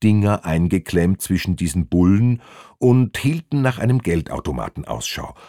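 A man reading a novel aloud as narrator, telling it in a wry, lively way. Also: low-pitched, moderate pace, no echo, studio quality. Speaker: audiobook narrator. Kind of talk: scripted narration.

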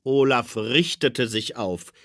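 A narrator reading a children's story aloud in a slow, expressive storytelling manner. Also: medium pitch, no room sound, clean studio sound.

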